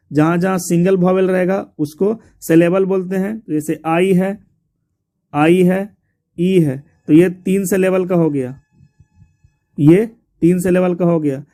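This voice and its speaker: A man's voice: high-pitched, warm tone. A man teaching an exam syllabus, repeating points and spelling words out letter by letter. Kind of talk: explaining a syllabus to students.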